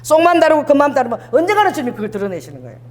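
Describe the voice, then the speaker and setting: A high-pitched, middle-aged woman pastor preaching with strong emphasis. Her voice leaps widely from line to line, and she has the congregation repeat lines after her. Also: very animated, racing, darkish tone. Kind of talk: sermon.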